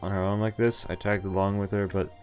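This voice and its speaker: A streamer reads a visual novel's text fairly quickly in a low, slightly mellow voice with flat delivery, interjecting wry, offhand comments between lines. Visual novel music sits behind his voice.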